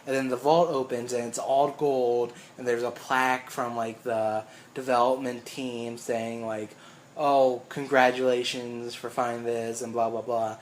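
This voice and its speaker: A man's voice: mid-range voice, little pitch movement, a little slow, hardly any pauses. Young man, casual gaming chat, rambling, swears a lot, faint hiss behind. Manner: rambling, swears freely, laughs often. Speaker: co-host.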